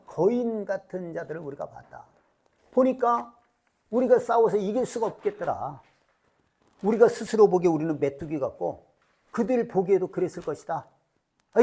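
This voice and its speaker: A man's voice: sits high, gravelly, mellow, slightly rough. A middle-aged man preaching a sermon as pastor, asking rhetorical questions and acting out quoted lines.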